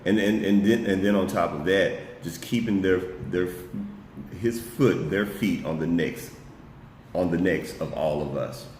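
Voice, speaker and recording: Deep-voiced man, heated and echoey. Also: unhurried, a little mellow, soft background music. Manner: heated, repeats words when worked up, uses y'all. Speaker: co-host. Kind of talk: impassioned political discussion. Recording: echoey room, faint noise.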